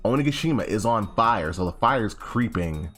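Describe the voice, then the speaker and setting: Young guy, deep voice, bouncy delivery, slangy recap with lots of self-corrections. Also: expressive, normal speed, a bit bright, soft background music. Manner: rambling, slangy, self-correcting, acts out quotes. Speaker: anime chapter reviewer. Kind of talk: casual recap.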